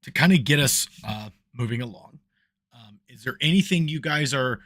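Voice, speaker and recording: A man acts as dungeon master in a casual tabletop game, narrating at a moderate pace in an expressive, mid-range, slightly bright voice, recorded dry on a new desk microphone. He rambles with lots of ums and restarts, and his voice swells and fades as he moves around off the mic.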